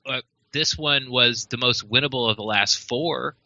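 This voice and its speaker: A man's voice: medium pitch, normal speed, bright, forceful tone, dry recording. A man, co-hosting a casual sports podcast and making dry, wry remarks. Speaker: podcast co-host. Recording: dull dry podcast audio.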